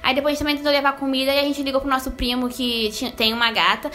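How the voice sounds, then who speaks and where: High bright Brazilian woman storytelling. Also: very fast. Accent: Brazilian Portuguese. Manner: animated, acts out quoted voices, jokes through sad moments. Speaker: vlogger telling a story. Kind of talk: casual storytelling chat.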